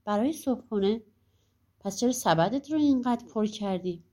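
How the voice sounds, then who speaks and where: A woman's voice: on the high side, animated, dark tone, voice pushed up, lightly acted. A woman voicing a simple, earnest young peasant lad in a storybook audiobook. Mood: friendly.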